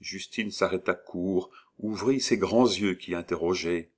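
Low-voiced man narrating a novel. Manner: measured storytelling. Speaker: audiobook narrator. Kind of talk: scripted literary narration.

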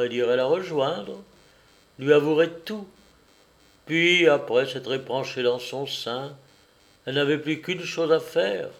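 Brief: male narrator, mid-pitched, even and expressive, for a literary audiobook. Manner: measured, expressive storytelling. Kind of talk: scripted narration of a classic novel.

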